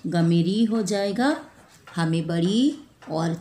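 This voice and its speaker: Slow, patient woman teacher in echoey room. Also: lowish voice, dark tone. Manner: slow, repeats each word, addresses students as children. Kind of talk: Hindi spelling lesson for children. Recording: echoey room with faint ambient noise.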